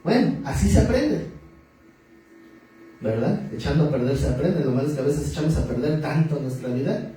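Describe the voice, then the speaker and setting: A male pastor delivers a sermon in an easy, conversational, joking way, expressive and at normal speed, often asking his audience questions. His voice is a little high yet very dark and mellow. A distant mic catches him from well back in a very echoey hall, with faint noise behind.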